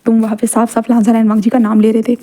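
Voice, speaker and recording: A woman's voice: a little high, flat delivery, fast, warm tone, close to an everyday voice. A woman voicing a middle-aged mother who keeps probing and teasing her son.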